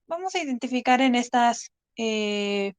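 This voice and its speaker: A woman teacher with a Mexican Spanish accent gives an online class lecture, explaining patiently and pausing with frequent "eh" fillers. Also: a little high, animated, no room sound.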